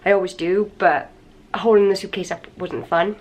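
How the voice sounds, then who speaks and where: A woman's voice: fairly low pitch, steady tone, moderate pace. Tired, wheezy woman vlogging. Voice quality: slightly raspy. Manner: chatty, rambling, tired. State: wheezy and a little out of breath from a cold. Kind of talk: casual vlog chat to camera. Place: hotel room, indoors. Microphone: handheld camera.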